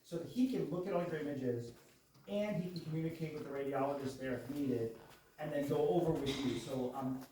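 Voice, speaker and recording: A man's voice: on the high side, fairly quick, warm tone, a little hiss or hum. A man moderating a clinic presentation, explaining services in a friendly, promotional way. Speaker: practice representative and moderator. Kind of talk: informational presentation. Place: large echoey room. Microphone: distant from the mic. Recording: echoey room from far off, faint ambience.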